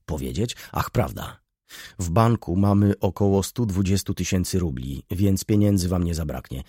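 A man's voice: low voice, animated, moderate pace, a little mellow, breathy edge, dry recording, clean studio sound. A man reading as a weary, evasive merchant. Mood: offhand. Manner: curt, evasive, tired. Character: weary, secretive middle-aged merchant man.

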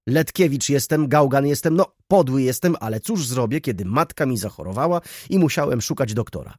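A man voicing a young, dandyish male shop clerk who talks in quick, fawning sales patter. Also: on the low side, lively intonation, a little mellow, husky, dry recording, clean studio sound. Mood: excited excuses. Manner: rapid, ingratiating patter.

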